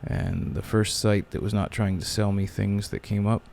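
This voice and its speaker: Very deep, gravelly, slow-talking man. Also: little pitch movement, a little mellow, slight background noise. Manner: rambling, laid-back, trailing off. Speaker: podcast host. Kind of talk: casual podcast chat. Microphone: close mic, breathing audible.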